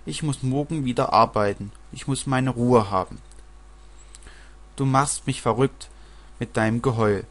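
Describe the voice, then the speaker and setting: A man's voice: medium pitch, a little slow, long pauses, a bit bright, close to an everyday voice. A man reading the lines of a tired father exasperated by his crying son.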